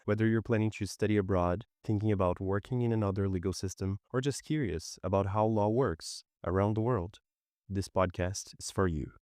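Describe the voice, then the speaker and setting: A man hosting a podcast, reading its scripted opening in a steady, read-aloud way. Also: fairly low pitch, normal speed, no echo, studio quality. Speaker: podcast host. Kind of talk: scripted show intro.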